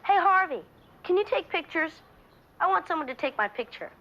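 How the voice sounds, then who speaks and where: A woman's voice: very high-pitched, lively intonation, brisk, a bit bright. A woman playing a sassy, defiant teenage girl with a blunt, wisecracking way of talking in a 1970s TV drama. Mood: brash, teasing. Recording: muffled, faintly noisy old TV soundtrack.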